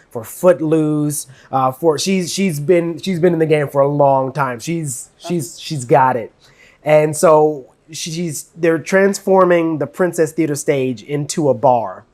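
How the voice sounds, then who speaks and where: A man's voice: on the high side, a little mellow. An upbeat man working as a cruise director, chatting casually and enthusiastically in an interview, stressing key words with emphatic repetition. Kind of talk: casual interview, promotional chat.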